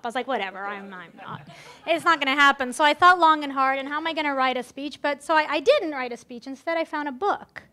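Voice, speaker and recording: A friend of the bride gives a wedding speech live in front of the guests, her voice high and sharp in tone. She partly reads from a rhyming storybook, delivering it playfully and theatrically.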